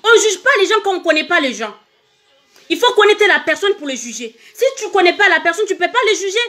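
A Comorian woman speaks on a phone livestream in a very high, bright voice. She talks emphatically and repeats her points, urging viewers to send hearts and share. Her delivery is casual and insistent. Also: expressive, fast, faint music behind. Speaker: singer on a livestream.

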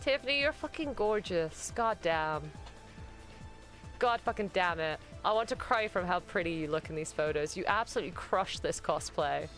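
A woman hosting a live-stream showcase, gushing loudly and yelling with excitement, swearing freely. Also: fairly low pitch, normal speed, soft background music. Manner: loud, gushing, yells when excited, swears a lot. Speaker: host.

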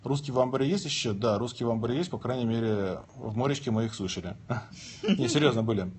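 A man in his thirties lies in bed hosting a casual livestream, holding his phone at arm's length as he reads viewer questions aloud, answers them and jokes around. His mid-range voice is a little mellow and a little fast, with slight background noise.

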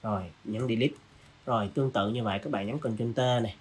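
A man hosting a design software tutorial, casually walking through each step with lots of fillers. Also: medium pitch, brisk, husky. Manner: casual, walks through steps with many fillers. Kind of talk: screen-recorded software tutorial.

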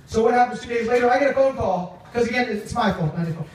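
Filmed from a few metres off in a large, very echoey wedding reception tent, the best man, the groom's young adult brother, tells funny, teasing stories with halting pauses. His high-pitched voice comes through a handheld microphone over speakers, making for a distant, noisy event recording.

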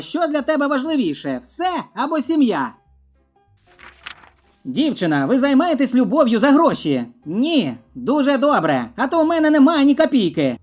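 Female joke reader with a high, animated voice and soft background music; she deepens her voice for the men in each joke. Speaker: joke narrator. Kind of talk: reading a string of short jokes.

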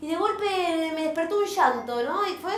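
A woman doing a stand-up comedy monologue with an animated, self-mocking delivery and a Rioplatense Argentine accent. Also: very high voice, normal speed. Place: theater stage. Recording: roomy theater sound.

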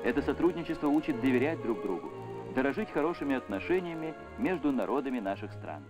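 A man's voice: mid-range voice, lively intonation, fast talker. A man giving solemn, official narration on an old 1970s newsreel soundtrack. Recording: old newsreel with music underneath.

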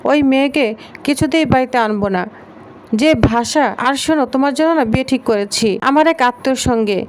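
A woman's voice: sits high, brisk, a little hiss or hum, lightly acted, low-quality recording. A woman voicing a stern, controlling middle-aged mother who scolds her son.

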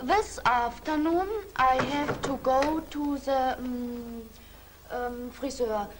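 An actress playing a cheerful female pupil reciting English slowly with a German accent. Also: sits high. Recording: noisy old film soundtrack.

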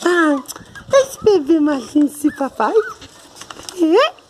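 A woman with a Brazilian Portuguese accent, cooing over puppies in drawn-out baby talk in a casual pet video. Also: sits high, sing-song, noisy background. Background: puppies whimpering and barking.

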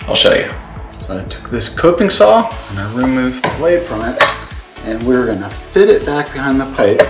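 A middle-aged man narrating his home renovation in a chatty, self-deprecating, jokey way, filmed at arm's length in his house. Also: on the low side. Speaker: home improvement vlogger. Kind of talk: casual DIY narration. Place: house interior, laundry and dining rooms. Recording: echoey room with background music.

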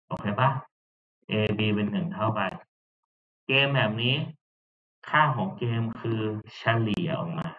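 A man lectures in a relaxed, conversational way, often pausing to ask if the class is following. His voice sits low. The sound is thin and phone-like, and at times he drifts away from the mic. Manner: chatty, checks understanding with frequent tag questions. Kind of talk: casual lecture on game theory. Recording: tinny phone-like audio.

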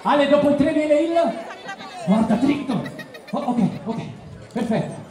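A man's voice: extremely high pitch, unhurried, a little mellow, very echoey, slight background noise. A man performing as a street juggler, running a comic show with a child volunteer in a festival square, teasing and making mock-grand announcements. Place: outdoor town square at a festival. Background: crowd of onlookers.

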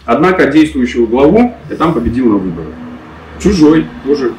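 Assertive man, animated pitch, distant echoey recording. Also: a little fast, crowd noise. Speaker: local election candidate, serving head of another settlement. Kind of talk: informal political argument with residents. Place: outdoors at a columned porch. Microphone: camera a few metres away. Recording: echoey, distant camera microphone.

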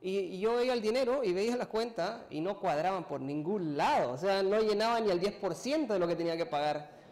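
A man giving a sermon testimony, telling a personal story in a halting, emotional way and acting out what people said to him. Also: sits high, a little mellow. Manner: storytelling, acts out his own and others' words, emotional, halting. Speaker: preacher.

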